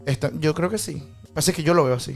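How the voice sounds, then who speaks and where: A man's voice: a little high, quick pace, creaky, faint music behind. A man hosting his own show, casual and self-mocking, often laughing at himself in a group discussion. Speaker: show host.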